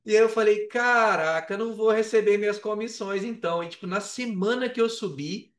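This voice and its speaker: A Brazilian man with a high voice, appearing as a podcast guest who works in affiliate marketing, tells a story in loose, slangy, colloquial talk, briskly slipping into quoted dialogue as he goes. He sits back from the mic in an echoey room, so the sound is roomy and a little distant.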